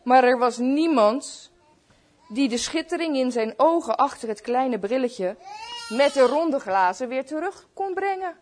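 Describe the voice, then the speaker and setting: A woman reading a Christmas story aloud to children, slow and expressive, speaking to her listeners. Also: sits high, slight background noise.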